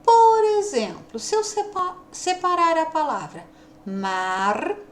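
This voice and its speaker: A woman teacher with a São Paulo countryside caipira accent, giving a video lesson to young children and sounding out syllables slowly. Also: extremely high pitch, very animated, roomy sound. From São Paulo state, Brazil. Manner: slow, drawn-out sounding of syllables. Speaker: primary school teacher.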